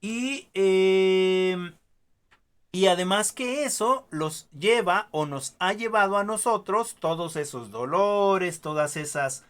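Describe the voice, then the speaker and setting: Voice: mid-range voice, slow, clear, resonant tone. A teacher gives an online class, explaining through stories and examples, with many filler sounds and questioning tags.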